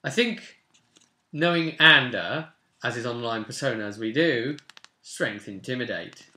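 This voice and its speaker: Recorded in a small indoor home room with roomy echo and background hiss and clicks, a man in his twenties hosts a tabletop roleplay channel. His mid-range voice is pushed and bright, and he takes his time. He chats casually while rolling a character, thinking aloud to explain the game to viewers.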